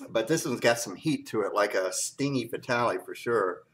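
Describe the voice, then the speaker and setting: A man with a lowish voice does a casual hot-pepper tasting review, eyes watering from the heat. His speech is halting and full of fillers, and he keeps clearing his throat.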